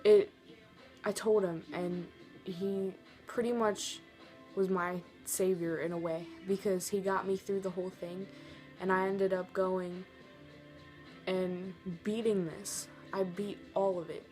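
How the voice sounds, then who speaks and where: A teenage girl telling a personal story in a confessional vlog, earnest and halting, with many restarts. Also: mid-range voice, little pitch movement, a little mellow, faint music behind. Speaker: vlogger.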